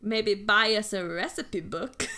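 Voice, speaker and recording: A woman's voice: medium pitch, slow, bright, forceful tone. A woman doing playful, joking casual let's play commentary as a streamer.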